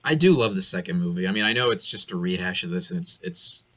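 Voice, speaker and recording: A man with a husky voice co-hosting a casual film commentary podcast, enthusiastic and quick to laugh. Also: sits low, expressive, fairly bright tone. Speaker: podcast co-host.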